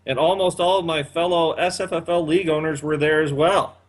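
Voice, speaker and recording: A man's voice: a little high, steady tone, a little fast. A man in his fifties hosting a casual chat, rambling with many fillers. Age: 50s. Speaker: podcast host.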